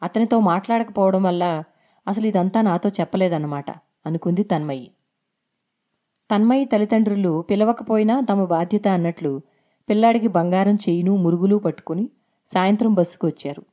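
A woman reading a story aloud in a steady, expressive narrating voice. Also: mid-range voice, moderate pace.

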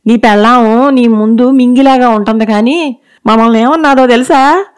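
A woman voicing an old village mother-in-law who scolds loudly in rustic speech. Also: fairly high pitch, normal speed, clear, resonant tone, voice pushed up, natural voice. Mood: scolding.

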